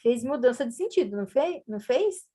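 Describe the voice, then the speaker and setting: A woman's voice: on the high side, big pitch swings, a little fast, warm tone. A woman tutoring one student over a video call, patiently explaining and reading example sentences aloud with varied intonation. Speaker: writing tutor. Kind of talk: online one-on-one lesson.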